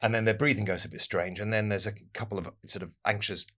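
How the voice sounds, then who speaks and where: A man guest on a podcast, telling a story in a casual, slow-building way. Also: on the low side, steady tone, bright, forceful tone.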